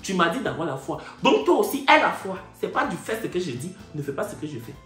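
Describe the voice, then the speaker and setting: A man telling a comic story in an animated way, full of repetition and indignant asides. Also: high-pitched, brisk. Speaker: comedian storyteller. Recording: echoey room, faint music.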